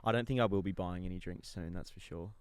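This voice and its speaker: Young male co-host, fairly deep, close dry sound, easygoing blokey chat with lots of slang. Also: fast, smooth, no room sound. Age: young adult. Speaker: podcast co-host. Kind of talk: casual banter.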